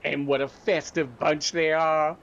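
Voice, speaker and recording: A man's voice: fairly high pitch, flat delivery, a little slow, fairly bright tone, highs cut off. A man playing a theatrical, gleefully macabre horror show host, relishing punning, alliterative scripted narration. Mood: campy, admiring.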